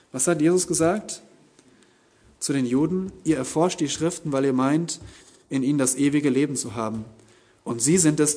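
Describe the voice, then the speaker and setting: A man preaching an expository sermon, teaching deliberately and with emphasis. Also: on the high side, darkish tone, husky.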